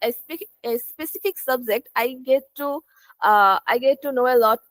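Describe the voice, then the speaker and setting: A woman answering speaking-test practice questions, hesitant and halting. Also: high-pitched, fairly bright tone. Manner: hesitant, many fillers and restarts. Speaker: student.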